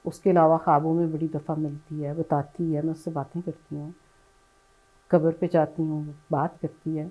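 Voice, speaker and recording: A middle-aged woman answering interview questions in a soft, reflective way, often falling to a hush and slipping in English phrases. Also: deep voice, level tone, lo-fi sound. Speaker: bereaved mother, interview guest.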